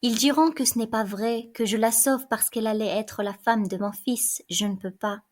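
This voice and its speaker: A stern, weary older king, as a woman reads the part. He speaks firmly, with resignation, in a fairly high voice. It is a plain play reading. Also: moderate pace, lightly acted.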